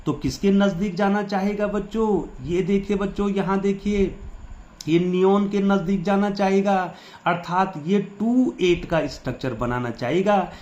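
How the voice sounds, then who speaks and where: A man's voice: sits high, a little mellow. A male science teacher, coaxing pupils through a lesson with constant questions. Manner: coaxing, quizzes the class with repeated questions. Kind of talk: chalk-and-talk lesson to school students. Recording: echoey room, faint background noise.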